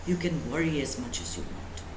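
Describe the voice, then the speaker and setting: A spiritual teacher, a woman with a low, very animated voice, delivers an emphatic motivational talk at a moderate pace. She repeats herself and poses rhetorical questions throughout, speaking live indoors in an echoey room with faint background noise.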